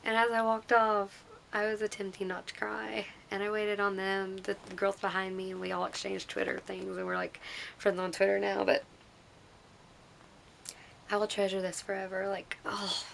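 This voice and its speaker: A woman vlogger telling an excited, rambling story in a casual way. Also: mid-range voice, moderate pace, gravelly, slight background noise.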